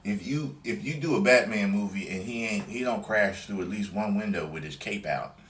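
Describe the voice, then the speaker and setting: A man's voice: on the low side, moderate pace, roomy sound, slight background noise. A man giving a casual, profane, rambling review of a movie trailer, acting out scenes as he goes. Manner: animated, rambling, acts out scenes in voices.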